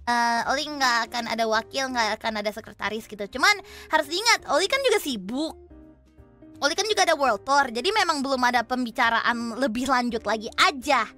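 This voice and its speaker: A woman's voice: fairly high pitch, fairly quick, sharp tone, faint music behind. A young woman streamer chatting casually and animatedly. She mixes in English, acts out quoted dialogue, and calls herself by her own name. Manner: refers to herself in third person. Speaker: VTuber streamer.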